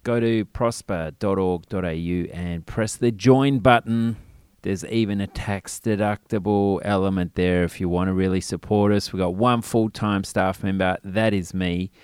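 A man's voice: steady tone, normal speed, a little mellow, smooth, no echo, studio quality. Man with a tinny laptop mic. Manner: chatty, self-mocking, pleading for listener support. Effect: thin tinny sound with no bass, recorded through a laptop mic. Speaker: radio show host. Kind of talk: casual spoken intro to a podcast. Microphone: built-in laptop mic.

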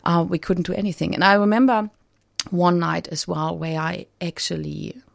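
German woman guest on community radio, deep creaky voice, lots of ums and restarts. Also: fairly even intonation, moderate pace, dry recording, studio quality. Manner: hesitant, many fillers and restarts. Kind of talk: personal recovery story on radio. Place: radio studio. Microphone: studio microphone.

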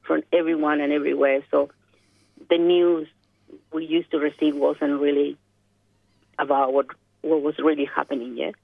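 Over the phone, a Chilean interview guest reflects in Chilean Spanish and searches for her words, pausing often. She speaks at a normal speed with a low, gravelly voice and flat delivery, and the tinny line is dry with no room sound.

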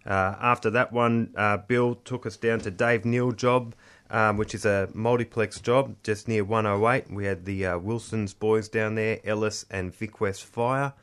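A man's voice: lowish voice, fairly even intonation, measured pace, a bit bright, clear, resonant tone. An Australian man chatting casually in a matey, colloquial tradesman's way, like a union rep on a podcast. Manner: blokey Aussie tradesman talk, matey and colloquial. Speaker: union representative, podcast host. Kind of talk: casual chat.

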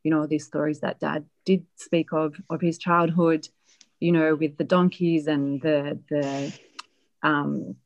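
Low-voiced woman telling her story. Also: level tone, a little slow, muffled recording. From Australia. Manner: reflective, hesitant with frequent fillers. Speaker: interviewee. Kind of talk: personal storytelling interview.

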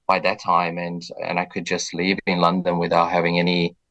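Deep-voiced and Brazilian-accented, a relaxed guest on a radio interview works through his answers slowly and thoughtfully. His manner is reflective and measured, and he leans on many soft fillers as each thought takes shape.

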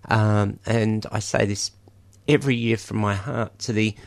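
A man's voice: on the low side, fairly even intonation, unhurried, vocal fry. A man presenting a community radio fundraiser, rambling with many ums and jokey asides, in a studio. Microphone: studio microphone.

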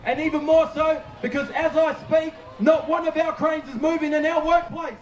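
Shouting dock worker, distant and echoing. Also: male voice, very high-pitched, steady tone, normal speed. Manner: shouting, defiant. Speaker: dock worker and union member. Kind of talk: rally speech. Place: outdoor rally. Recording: roomy, distant outdoor rally recording.

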